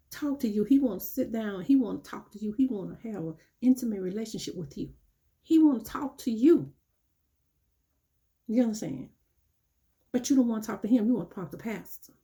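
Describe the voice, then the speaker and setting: A woman delivers an informal, scolding sermon in a mellow, fairly high voice. She repeats herself for emphasis and acts out her churchgoers' complaints in dialogue. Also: animated, fairly quick. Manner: repetitive, scolding, keeps asking "you know what I'm saying". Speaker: preacher.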